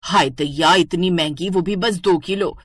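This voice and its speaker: A woman voicing a sharp-tongued older mother-in-law who scolds and frets in a cartoon story. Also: lowish voice, a little slow, dry recording. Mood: scolding. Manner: scolding, nagging. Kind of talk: cartoon voice acting.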